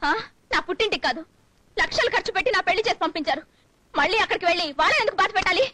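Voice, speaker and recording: A young actress playing a proud, wronged wife who speaks with earnest emotion, in a film. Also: female voice, very high-pitched, lively intonation, rapid-fire, sharp tone, no room sound, full character voice. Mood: anguished. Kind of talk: film acting.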